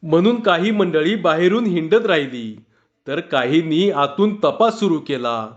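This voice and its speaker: A man reading a humorous short story aloud in a slow, measured storytelling manner. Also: a little high, lively intonation. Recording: dull lo-fi recording.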